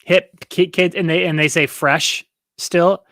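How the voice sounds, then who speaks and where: A man hosting a livestreamed trivia game, with a voice a little higher than most men's. He teases his contestant and reads the chat aloud in a playful way. The sound is dry and close, with no room echo. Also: fairly even intonation, unhurried, a bit bright. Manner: playful, teasing, reads questions and chat comments. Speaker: trivia host.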